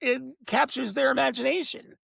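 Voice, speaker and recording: A man's voice: very high voice, steady tone, normal speed, vocal fry, a bit bright, breathy edge, dry recording. A man hosting a podcast interview, effusive and enthusiastic in his reactions. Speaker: podcast host. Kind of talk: casual interview.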